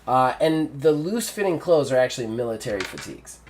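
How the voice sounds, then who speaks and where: A man's voice: mid-range voice, big pitch swings, a little fast, darkish tone, a little hiss or hum. A man narrating a tabletop game as game master, describing the scene in a rambling way with many fillers.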